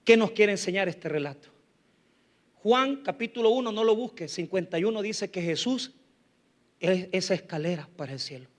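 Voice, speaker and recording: A man preaching a sermon, telling personal stories with humor and swinging between loud emphasis and soft asides. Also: sits high, expressive, normal speed. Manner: tells personal anecdotes with humor. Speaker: pastor.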